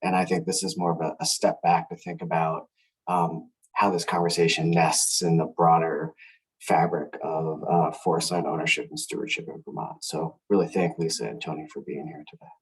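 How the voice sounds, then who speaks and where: A man introducing the speakers at an online meeting, measured and searching for words. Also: deep voice, flat delivery, distant mic, low-quality recording. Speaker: work group member introducing speakers. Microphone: video call.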